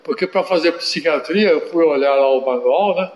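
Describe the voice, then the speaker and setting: An older Brazilian man with a fairly high voice tells stories in an animated, anecdotal manner. His talk is full of little tag questions. The sound carries an echoey room. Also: moderate pace, slight background noise. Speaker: interview guest. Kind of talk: storytelling in an interview.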